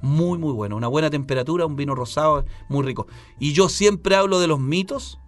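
A man's voice: on the high side, fairly quick. Chilean guy hosting radio, playful chatty style, repeats himself, bit of music under it. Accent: Chilean Spanish. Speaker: radio host. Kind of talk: casual radio chat.

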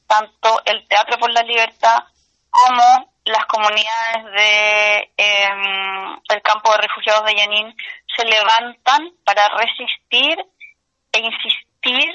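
Brief: woman guest, emphatic and earnest, high bright voice, heard down a dull line. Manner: earnest, emphatic, repeats phrases for stress. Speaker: guest, actress and playwright. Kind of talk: radio interview.

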